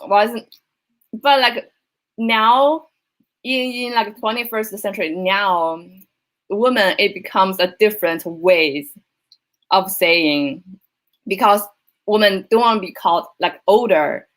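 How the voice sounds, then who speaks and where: A woman from China with Chinese as her first language, speaking as a panelist, halting with many fillers. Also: mid-range voice, a bit bright, rough recording. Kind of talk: casual conversation.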